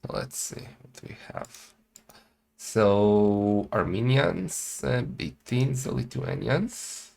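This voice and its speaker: Gravelly-voiced male game co-caster. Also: fairly low pitch, takes it slowly. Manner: lively, joking, laughs often. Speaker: tournament co-host and caster. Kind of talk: casual game commentary.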